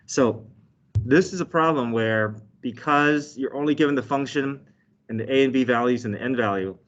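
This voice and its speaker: In a dull, slightly muffled online lesson, a man with a mid-range voice teaches math step by step at normal speed. Working indoors at a desk with a document camera, he explains and regularly checks in with short tags like "okay" and "right".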